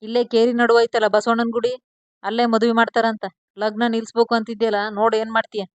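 A woman's voice: a little high, completely flat delivery, fairly quick, no echo, dull audio, natural voice. Woman voicing chatty gossip friend, young village man, North Karnataka accent, pushy, dry close sound. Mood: egging on. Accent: North Karnataka Kannada. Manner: chatty, egging on.

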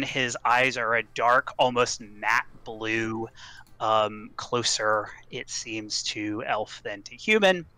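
Slow, hesitant male player. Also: mid-range voice, bright, forceful tone, smooth, no room sound. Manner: hesitant, many ums and uhs. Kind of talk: describing a tabletop character.

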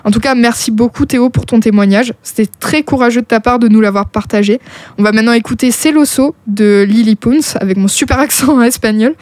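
Woman podcast host, casual and reassuring, slightly high voice, dry close-mic sound. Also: steady tone, quick pace, a little mellow, no echo. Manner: chatty and reassuring, addressing a listener directly.

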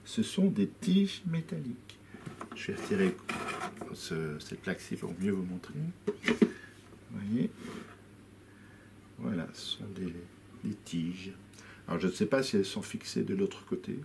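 A man's voice: lowish voice, creaky. A man with a casual, curious way of talking, thinking aloud as he takes a toy instrument apart for his video channel. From France. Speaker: YouTube musician demonstrating an instrument. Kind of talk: casual talk-to-camera while taking apart a toy. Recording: loud background noise and clicks.

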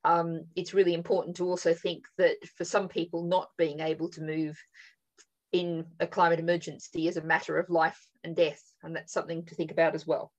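Low-voiced woman moderating a webinar. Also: little pitch movement, darkish tone, muffled recording. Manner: thoughtful, halting, with frequent "um" fillers. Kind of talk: moderating an online panel. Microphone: video call.

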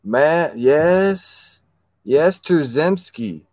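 A man's voice: fairly high pitch, very slow, dry recording. A man hosting a card break, casually reading out player names as he opens packs, sometimes stumbling over them. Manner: reads player names aloud, stumbles on some, yells when excited. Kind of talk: casual card-opening chat.

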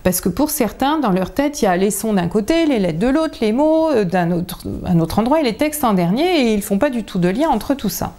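Chatty teacher woman, mellow voice. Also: a little high, expressive. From France. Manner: chatty, explanatory, many filler pauses. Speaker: teacher and parenting coach. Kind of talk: informal video lesson to parents.

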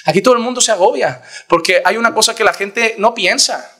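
High, bright-voiced man preaching. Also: a little fast. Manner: animated, acts out quoted voices, rhetorical questions. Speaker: pastor. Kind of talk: sermon.

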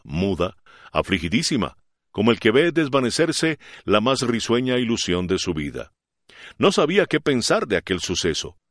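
Expressive male audiobook narrator, low voice. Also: no echo, clean studio sound. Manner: expressive, dramatic reading. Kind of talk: scripted narration of a classic novel.

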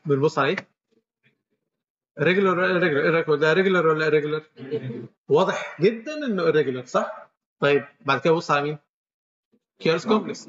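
Male lecturer, Egyptian accent, rapid step-by-step quizzing, dull lo-fi recording. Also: a little high, a bit bright. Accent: Egyptian Arabic. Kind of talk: medical lecture with questions to students.

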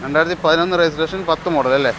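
A man's voice: fairly high pitch, racing. A man with a Kerala Malayalam accent who mixes English words into his Malayalam, hosting in a casual interviewing style and echoing what he is told. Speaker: vlog host. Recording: noisy outdoor vehicle yard.

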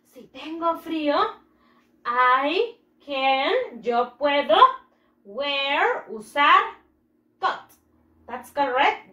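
A woman teaching an English lesson to young children, slowly repeating each phrase in two languages and encouraging them warmly. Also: high voice. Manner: encouraging, drawn-out teacherly emphasis. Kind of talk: bilingual classroom lesson video. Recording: echoey room, distant mic.

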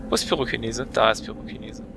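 A man's voice: medium pitch, level tone, fast. A young man giving casual gameplay commentary as a let's player, musing and thinking aloud as he goes. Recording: clear background noise from game.

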